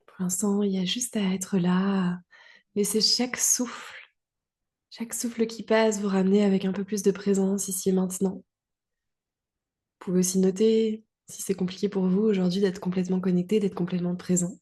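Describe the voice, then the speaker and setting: Leading a guided yoga relaxation, a woman uses short phrases separated by long pauses. Her voice is dark, husky and relaxed, steady in pitch within a middle register, and her delivery is calm and soothing.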